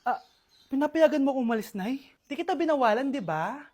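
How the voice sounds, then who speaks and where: A woman performing comedy skits, playing a mother and her grown child, with exaggerated and animated delivery. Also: high voice, a little fast. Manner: exaggerated, animated, many shouted lines.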